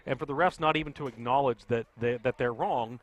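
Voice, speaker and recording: A man calling a high school football game as play-by-play announcer, excitable and quick to react. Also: no echo, dull audio. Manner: excitable, talks fast, rises sharply on big plays.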